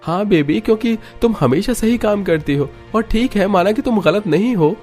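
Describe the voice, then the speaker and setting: Young husband in a storybook cartoon, lecturing and strained high, put on by a male narrator. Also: animated, normal speed, a little mellow, faint music behind. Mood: coaxing. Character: young husband, stern then affectionate.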